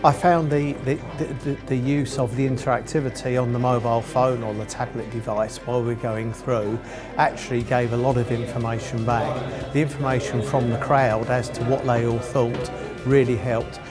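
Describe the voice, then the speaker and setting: Even-toned man with music behind. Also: mid-range voice, normal speed. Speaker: event attendee. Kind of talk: testimonial interview.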